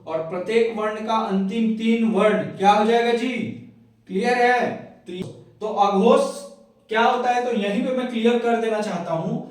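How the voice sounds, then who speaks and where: A man with a high voice teaches a Hindi grammar class, sounding each letter out slowly and often asking whether the class has understood. He is recorded from some distance in a very echoey room, so his voice rings off the walls. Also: steady tone. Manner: repeats "clear hai?" and "hai na" often; spells out sounds one at a time. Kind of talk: classroom lesson.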